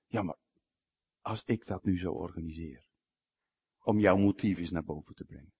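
A male preacher voicing God as a calm, questioning figure in a sermon, with low searching questions and a husky voice, in a dull lo-fi recording. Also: normal speed. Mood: probing.

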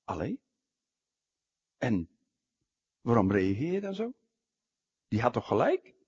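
Man playing God in a sermon retelling, calm and probing, husky and unhurried, dull lo-fi sound. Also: mid-range voice, exaggerated voice. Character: patient questioning God, male, calm and probing. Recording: dull lo-fi recording.

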